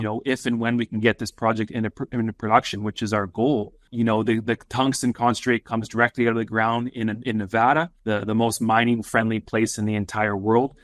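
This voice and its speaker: A man's voice: medium pitch, dry recording, studio quality. A man with a Canadian accent, a company CEO being interviewed on a podcast, talking with many fillers and restarts. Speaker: mining company CEO guest.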